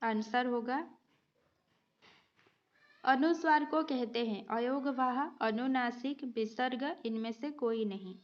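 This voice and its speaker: A woman's voice: fairly high pitch, slow pace, pauses often, muffled recording. A woman teaching Hindi grammar, going through multiple-choice exam questions and explaining each answer patiently, step by step. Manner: patient, explains step by step, often adds a short "okay" check.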